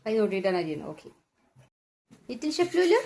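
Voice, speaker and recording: A woman's voice: medium pitch, sing-song, quick pace, gravelly, dark tone, husky. A woman with a Kerala accent, chatting casually and playfully as she cooks with a small child at home. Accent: Kerala Malayalam. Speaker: home cook vlogger. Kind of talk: casual family cooking chat. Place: home kitchen.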